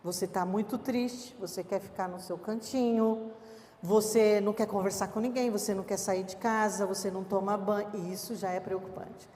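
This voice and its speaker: A woman's voice: medium pitch, fairly even intonation, moderate pace, darkish tone, slight background noise. A woman giving a conversational church teaching talk, acting out what people say to her. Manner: conversational, acts out quoted people. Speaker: church speaker on emotional health. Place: church hall. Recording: long church hall reverb.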